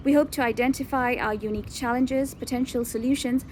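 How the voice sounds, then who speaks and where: A woman cardiologist from Sri Lanka gives a short self-introduction, earnest and articulate. Her voice sits a little high, with faint background ambience. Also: steady tone, a little fast, a little mellow, a little hiss or hum.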